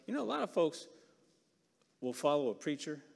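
A man's voice: fairly high pitch, sing-song, normal speed, gravelly. A man teaching a conversational sermon to a church class, often checking in with his listeners with "right?". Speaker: preacher teaching a Bible class. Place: church auditorium. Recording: long hall reverb.

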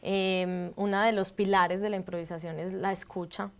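A woman's voice: medium pitch, little pitch movement, moderate pace. A woman in her thirties with a Colombian accent from Bogotá, a guest on a TV studio interview, explaining fluently and laughing easily. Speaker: guest, improv artist. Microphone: lapel mic.

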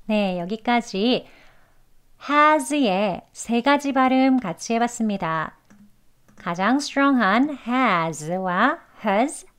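A woman teaching English pronunciation, repeating phrases slowly and carefully for learners. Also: fairly high pitch, clean tone. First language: Korean. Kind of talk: pronunciation lesson.

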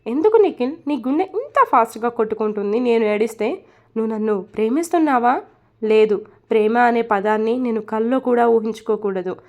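A woman playing a young wife, lonely, tearful, soft and confiding, storybook reading. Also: fairly high pitch, fairly quick, dull audio, lightly acted.

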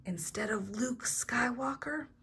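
A woman's voice: fairly high pitch, takes it slowly, creaky, a bit bright, husky, pitched above the performer's own voice, exaggerated voice. A woman voicing a young boy fish, the frank best friend, with a blunt, scolding manner.

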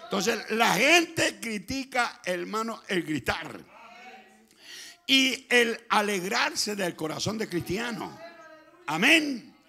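A man with a Chilean accent preaching a fervent sermon in a church, often shouting and swinging between loud bursts and quiet asides. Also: high-pitched, sing-song, slow pace, gravelly, slightly rough. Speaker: pastor. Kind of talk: Pentecostal sermon.

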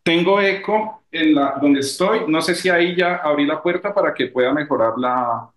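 A man giving a measured technical lecture on a video call, his voice breaking up and cutting out over an unstable connection. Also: a little high, fairly bright tone, roomy sound. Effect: choppy, breaking-up call audio. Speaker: lecturer at a medical academic week. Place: echoey room.

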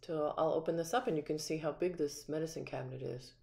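Low-voiced woman touring a home. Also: quick pace, vocal fry, darkish tone. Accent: American. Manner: upbeat, lists features one by one. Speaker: community home tour guide. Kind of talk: walkthrough home tour narration. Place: empty small mobile home, indoors.

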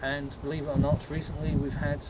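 A man leading a ghost tour, explaining things informally to a group in a halting, matter-of-fact way. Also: a little high, little pitch movement. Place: on a night walking tour, in the dark. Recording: noisy outdoor night recording.

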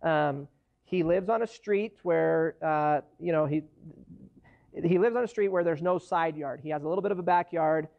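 Gravelly man lecturing in a classroom. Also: a little high, normal speed. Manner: conversational, explains with worked case examples. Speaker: immigration lawyer giving a guest lecture. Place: university lecture hall, standing at a lectern. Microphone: far camera in the room. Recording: dull lo-fi classroom recording.

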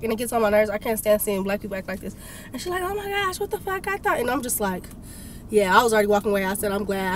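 In a medium-pitched voice, a young woman with a cold tells an animated story and lets off steam in a parked car. A phone camera on the dashboard records the casual vlog rant, with slight background noise.

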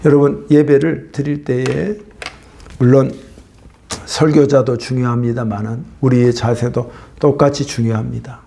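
A male pastor preaching a sermon, swinging between loud emphatic bursts and hushed whispers. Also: mid-range voice, steady tone, a little slow, creaky.

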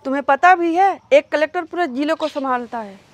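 A woman's voice: high-pitched, a little fast, a little hiss or hum. A woman playing a wife in a comedy sketch, insistent and taunting toward her husband. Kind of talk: scripted comedy sketch acting.

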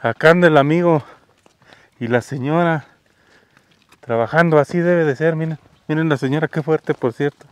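A man's voice: fairly high pitch, moderate pace, pauses often, clear, resonant tone, dry recording. Folksy Mexican man talking outdoors. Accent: Mexican Spanish. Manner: warm, folksy, talks gently to children. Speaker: host. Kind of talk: on-location vlog narration. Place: outdoors in a rural village.

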